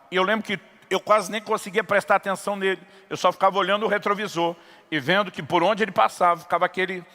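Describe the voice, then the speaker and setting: A man's voice: high-pitched, pushed and bright. A middle-aged Brazilian pastor with a Brazilian Portuguese accent, preaching a sermon and acting out dialogue as he tells a story. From São Paulo state, Brazil. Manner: acts out dialogue in a story, builds to impassioned preaching. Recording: long reverb of a church hall.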